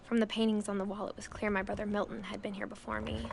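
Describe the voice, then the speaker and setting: A woman acting a reflective young woman who recounts her family's history in measured, wistful narration for a story game. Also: medium pitch, little pitch movement, creaky, noisy background, lightly acted. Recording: music behind the voice.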